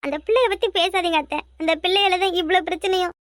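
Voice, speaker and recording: A woman's voice: extremely high pitch, steady tone, fast, a bit bright, no room sound, clean studio sound. A woman voicing a tearful, pregnant young daughter-in-law in a cartoon, speaking with a Kanyakumari Tamil accent in a wailing, pleading manner. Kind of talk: cartoon voice acting.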